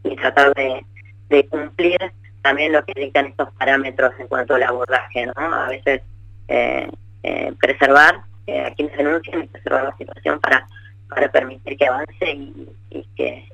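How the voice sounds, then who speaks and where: Brief: a minister, speaking formally and measuredly over a bad phone connection that keeps breaking up. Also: male voice, medium pitch, level tone, vocal fry, pushed and bright, dry recording. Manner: measured and formal, stresses key words. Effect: choppy bad phone connection. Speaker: government minister interviewed by phone. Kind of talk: formal official explanation. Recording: dull, dry, choppy phone line.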